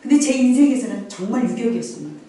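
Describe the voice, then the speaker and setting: A woman's voice: fairly high pitch, lively intonation, quick pace, mellow, recorded from a distance. A middle-aged woman pastor preaching a sermon, rising in emphatic swells and dropping to confiding storytelling. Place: church sanctuary. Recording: very echoey church hall, from afar.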